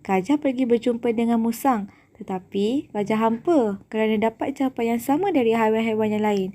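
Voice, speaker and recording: A young woman, narrating a puppet show for children in a clear storytelling manner. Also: fairly high pitch, brisk, dark tone. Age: young adult.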